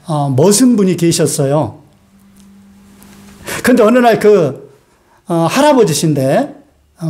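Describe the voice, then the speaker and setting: A man's voice: high-pitched, dark tone. A man pastor preaching a sermon, telling a childhood story in a conversational way with frequent "uh" fillers and asking the congregation to repeat after him. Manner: asks the congregation questions and has them repeat after him.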